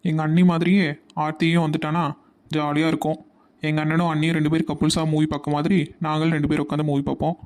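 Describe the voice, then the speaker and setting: A man's voice: a little high, flat delivery, fast talker, a little mellow, close to an everyday voice. A voice actor playing a cheeky, carefree young man who teases his brother in a Tamil cartoon. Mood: breezy. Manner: playful and teasing.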